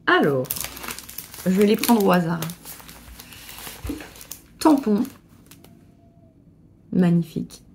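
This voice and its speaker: A middle-aged woman gushing excitedly as she unboxes a craft parcel, with stumbling restarts. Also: medium pitch, slow pace, long pauses, a little hiss or hum. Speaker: crafting vlogger. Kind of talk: casual unboxing chat.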